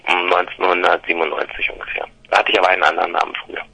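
A man in his thirties from Berlin, talking on the phone and pausing often with fillers as he searches for words. His voice has a bright, husky edge. The phone line gives it a thin, narrow sound. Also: sits low, level tone. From Berlin, Germany. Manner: hesitant, many fillers and restarts. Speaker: singer-songwriter guest. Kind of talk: casual phone interview. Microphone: telephone line. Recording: phone line into radio studio.

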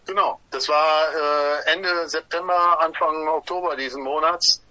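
Bright-voiced male musician, filler-heavy. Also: fairly high pitch, fairly even intonation, a little slow, no room sound, highs cut off. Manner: enthusiastic, many filler sounds. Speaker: band musician guest. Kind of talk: casual radio interview.

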